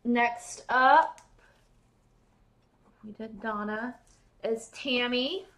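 A woman's voice: on the high side, very slow, a bit bright, slight background noise, low-quality recording. A woman hosting a live pearl-opening sale, chatting casually and gushing to viewers by name. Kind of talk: casual live-stream sales chat.

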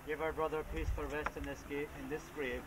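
Solemn priest praying at an outdoor graveside. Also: male voice, fairly high pitch, level tone. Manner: measured, formal liturgical delivery. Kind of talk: solemn funeral prayers read at a graveside. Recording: noisy, windy outdoor camcorder recording.

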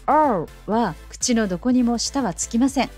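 英語の発音を丁寧に教える女性の先生で、子どもに語りかけるように楽しげに誘導する。. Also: female voice, normal speed, soft background music. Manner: playful, coaxing as if to children; animated, lively pitch. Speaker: English teacher. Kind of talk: pronunciation lesson.

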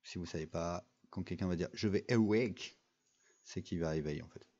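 A man's voice: low-pitched, level tone, fast, darkish tone, lo-fi sound. A young man giving casual, rambling commentary over a mobile game, full of fillers and restarts. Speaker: gaming video creator.

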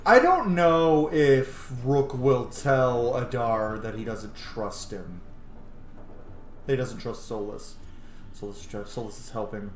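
A game streamer in his thirties offers casual, sweary roleplay commentary over gameplay, thinking aloud as he plays. His voice is medium-pitched and slow-paced. The recording has a bit of hiss or hum and an echoey room sound.

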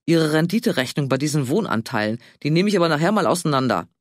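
A man's voice: on the high side, lively intonation, no echo, clean studio sound, close to an everyday voice. A man doing a pompous retired tax official. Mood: smug. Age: 60s. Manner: pompous, dismissive, slow. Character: stubborn pompous retired male tax official, nearly seventy.

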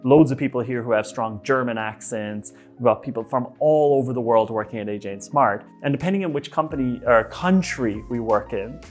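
By a whiteboard in a bright office, a man in his thirties with an Irish accent blended with American gives a casual, self-deprecating facilitation lesson. His medium-pitched voice is lively and chatty, with quick restarts, and soft music plays in the background.

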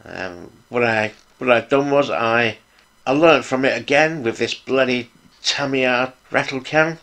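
A man's voice: mid-range voice, measured pace, fairly bright tone. A middle-aged British man casually narrating a hands-on hobby build vlog in an informal, appreciative, chatty way. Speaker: hobby video host, model car builder.

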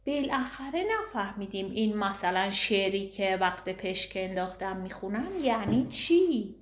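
A gossipy, bantering woman friend in an audiobook, as a woman narrator puts her on. Her medium-pitched voice rings with a roomy echo around it. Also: lively intonation, close to an everyday voice. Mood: teasing. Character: chatty teasing adult woman friend.

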